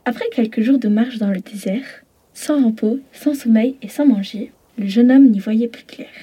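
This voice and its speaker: Calm female narrator, mellow and soft. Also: on the high side, moderate pace, husky. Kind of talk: children's storybook narration.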